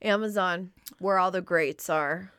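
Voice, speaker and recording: A woman's voice: on the low side, a little slow, fairly bright tone, clean tone, no echo. A woman co-hosting a casual podcast in a studio, chiming in agreeably with loose, slangy talk. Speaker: podcast co-host. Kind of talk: casual chat.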